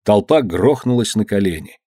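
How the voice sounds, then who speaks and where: A man narrating an audiobook of a historical tale in an expressive storytelling manner. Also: on the low side, moderate pace, husky, no room sound, clean studio sound.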